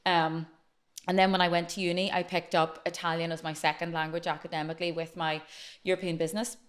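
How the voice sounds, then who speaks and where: Her pitch fairly low and her tone level, a woman in her late forties from Northern Ireland talks fast as she recounts her life story. She is a guest on a casual podcast interview, and her talk flows in a chatty way.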